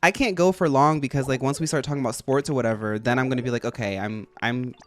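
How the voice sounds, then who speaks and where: A game streamer chatting casually, with an animated, expressive delivery and sassy, girly-pop slang. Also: mid-range voice, rapid-fire, no room sound. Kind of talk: casual chat while livestreaming a game.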